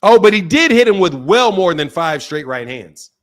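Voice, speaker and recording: A man with a rather high voice runs a loose boxing live-stream, reading viewers' chat comments out loud and responding to them. He talks animatedly at a normal speed, swearing freely and going over his points again and again.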